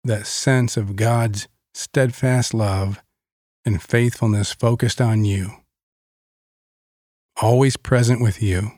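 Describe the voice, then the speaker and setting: Slow, calm man guiding a meditation. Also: fairly low pitch, dry recording, studio quality. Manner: slow, calm, deliberate with long pauses. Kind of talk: guided meditation with Bible teaching.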